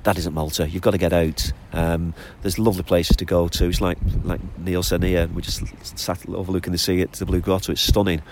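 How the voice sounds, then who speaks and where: A man's voice: low-pitched, flat delivery, brisk, few pauses. A middle-aged man with a Lancashire accent chatting casually and enthusiastically, telling stories at length. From Lancashire, northern England. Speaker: interview guest, expatriate football fan living on an island. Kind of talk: casual chat. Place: outdoors by the sea. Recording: outdoor recording with clear traffic and ambient noise.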